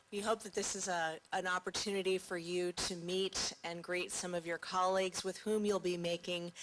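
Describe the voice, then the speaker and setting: A woman's voice: on the low side, a bit bright, slight background noise, rough recording. A woman, a conference marketing director, giving a welcome speech from the stage and telling a chatty anecdote.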